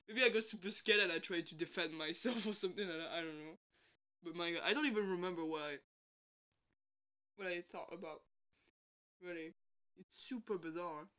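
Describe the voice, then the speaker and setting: This is a late-night vlog recorded indoors at home, where a vlogger with a bad cold chats in a loose, rambling way and laughs a lot. The medium-pitched voice sounds pushed, bright and smooth, moving at a moderate pace broken by long pauses.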